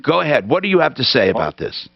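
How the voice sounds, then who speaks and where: A man's voice: mid-range voice, very animated, quick pace, creaky, no echo, lo-fi sound. A man hosting a call-in radio show, talking off the cuff in an emphatic, brusque way and cutting in on callers. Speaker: radio talk show host. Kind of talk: unscripted call-in talk.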